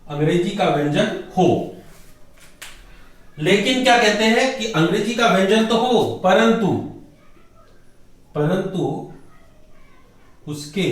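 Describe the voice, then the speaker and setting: A middle-aged man with a high voice lectures on English grammar, posing rhetorical questions, answering them himself and slowly stretching key words for emphasis, often calling the viewer "bhai". He sounds far from the mic in a very echoey room.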